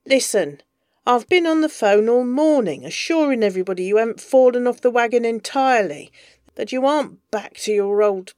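A woman reading as a bossy publicist whose voice jumps up high and loud to scold a client. The delivery is sharp and hectoring, with a gravelly edge, and the recording is dry. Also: lively intonation, unhurried, hardly any pauses, no echo.

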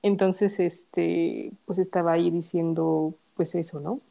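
Giggly young woman, mellow voice. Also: fairly low pitch, fairly even intonation, slow, vocal fry. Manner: gushing, giggly fan talk. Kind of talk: casual chat.

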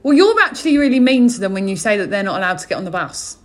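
Young woman, dramatic and teasing, bouncy high voice. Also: sing-song, fast. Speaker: podcast co-host, daughter. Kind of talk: casual chat.

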